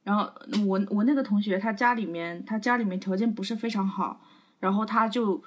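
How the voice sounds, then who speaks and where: A woman's voice: mid-range voice, brisk, a little hiss or hum. A young adult woman co-hosting a podcast, telling a long anecdote in casual, rambling chat. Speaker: podcast co-host.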